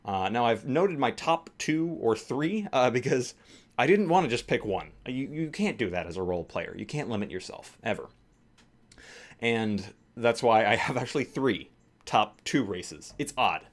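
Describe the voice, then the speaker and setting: Low-voiced man rambling excitedly. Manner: rambling, enthusiastic, self-correcting. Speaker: tabletop game YouTuber and game master. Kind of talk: casual talk to camera.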